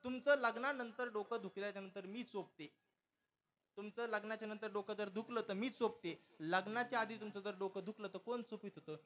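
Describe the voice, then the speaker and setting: A man voicing a nagging village wife who scolds her husband, in a shrill, complaining tone. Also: normal speed, fairly bright tone, lo-fi sound, a little hiss or hum. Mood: coaxing.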